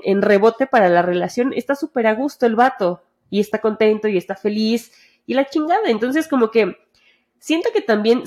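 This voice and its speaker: A woman's voice: medium pitch, a little mellow. Slangy Mexican woman chatting candidly. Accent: Mexican Spanish. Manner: candid, slangy and swearing freely; acts out quoted dialogue. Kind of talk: casual chat.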